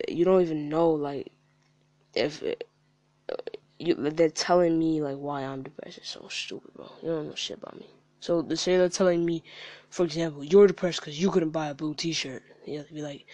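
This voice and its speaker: A man's voice: a little high, a little mellow, no room sound. Heated, profane young man venting. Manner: heated and profane, repeats himself. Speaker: guest. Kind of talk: candid casual chat.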